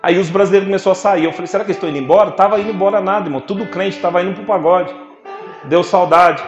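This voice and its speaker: A man's voice: high voice, racing, dull audio, music in the background. A man preaching a sermon, telling stories with humor and calling on the congregation to respond. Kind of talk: sermon with storytelling. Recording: echoey church hall.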